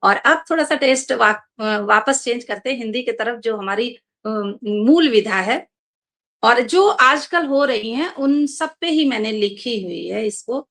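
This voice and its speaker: A woman reciting and singing her own poems in slow, drawn-out lines, speaking formally and respectfully between them. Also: on the high side, animated, fairly bright tone. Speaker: poet performing own verse. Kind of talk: sung poetry recital.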